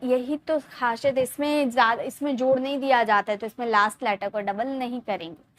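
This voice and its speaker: A young woman teaching English grammar in Hindi, explaining step by step, repeating words slowly and asking her class questions. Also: on the high side, fairly even intonation, a bit bright. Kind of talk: Hindi-language grammar lesson.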